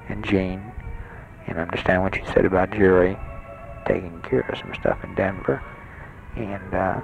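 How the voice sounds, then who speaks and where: A young man lying in a hospital bed speaks low and darkish, with vocal fry, keeping quiet as he rambles through a taped letter home full of fillers. The home tape, recorded on a close-held portable recorder mic, sounds dull and lo-fi, with other patients talking in the ward.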